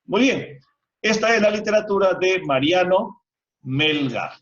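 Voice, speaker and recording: Through muffled video-call audio, a male teacher with a high, expressive, slightly bright voice teaches grammar online at an unhurried pace. He explains step by step and asks his students rhetorical questions.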